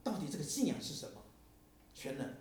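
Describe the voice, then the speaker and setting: Man, preacher, storytelling sermon, warm, faint room noise, very echoey hall. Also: a little high, big pitch swings, brisk. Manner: conversational, asks the audience questions.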